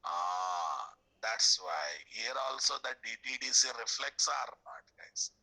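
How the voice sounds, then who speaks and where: A man's voice: on the low side, lively intonation, takes it slowly, gravelly, sharp tone, poor audio. A middle-aged man with a Telugu Indian accent giving an online programming lecture, repeating phrases and checking in with questions. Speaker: programming instructor. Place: indoor room, screen-share video class.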